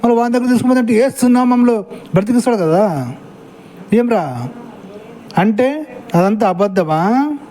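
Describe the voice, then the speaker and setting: A man delivers a furious reaction commentary, heaping scorn and insults on the speaker he is answering. His voice sits high, yet its tone is dark and mellow. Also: lively intonation, normal speed, long pauses, rough recording.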